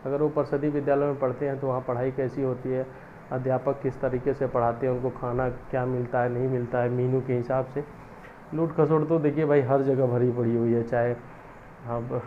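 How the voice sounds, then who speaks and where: A man coaching exam aspirants, talking earnestly and growing loud and scolding as he urges them on. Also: medium pitch. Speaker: coaching teacher. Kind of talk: motivational talk to exam aspirants. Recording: tinny phone-like audio with faint noise.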